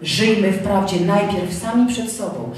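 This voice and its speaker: Woman preacher, conversational sermon, repeats her points and asks the room if they follow; mid-pitched voice, heard from a distance in a booming hall. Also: normal speed. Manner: repeats key phrases, checks in with listeners. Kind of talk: sermon with personal anecdotes. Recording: very echoey hall, mic far off, faint noise.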